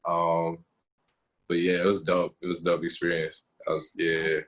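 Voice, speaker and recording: A young man, a photographer guest, chatting casually in an interview and telling animated stories full of fillers. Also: low voice, normal speed, low-quality recording. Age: young adult. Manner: animated storytelling with lots of fillers.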